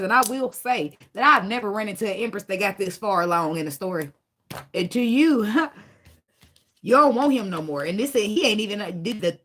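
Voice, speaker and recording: Blunt, profane woman reading tarot. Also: medium pitch. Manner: blunt, profane, preachy, animated. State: tearful, fighting back emotion. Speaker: tarot reader. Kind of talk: casual tarot reading monologue.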